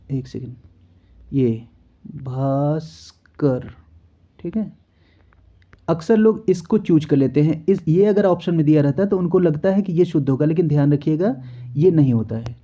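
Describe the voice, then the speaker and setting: A man with a fairly high, mellow voice teaches an exam-prep spelling lesson, explaining each step and frequently checking in with the learner. The recording is dull and lo-fi.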